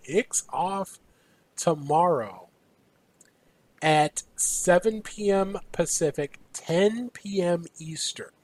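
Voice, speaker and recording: A man's voice: high voice, expressive, a little mellow, slight background noise, rough recording. Upbeat man co-hosting a gaming show. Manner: playful, reads schedules quickly with fillers. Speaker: co-host. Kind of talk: casual esports news chat.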